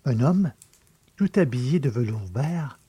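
A man reading a classic novel aloud as an audiobook narrator, in a measured literary manner. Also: medium pitch, animated, dark tone, slightly rough, no room sound.

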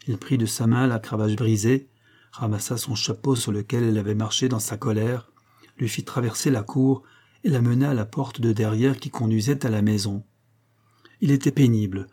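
A male audiobook narrator reading a classic novel with measured, steady delivery. His voice is husky and dark, mellow rather than bright. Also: mid-range voice. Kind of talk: scripted literary narration.

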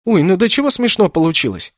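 A man's voice: sits high, big pitch swings, fast talker, fairly bright tone, no echo, clean studio sound, pitched above the performer's own voice, heavily acted. A man putting on a tearful young boy. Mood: perked up. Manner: whimpering, sniffling. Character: frightened tearful boy of about ten.

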